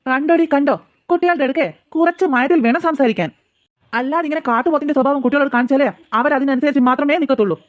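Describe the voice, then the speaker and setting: A woman's voice: high-pitched, fast talker, phone-quality sound, close to an everyday voice. A woman voicing a cheerful middle-aged father in a cartoon, teasing and fond with his family. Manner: fond, chiding, joking. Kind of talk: cartoon voice acting.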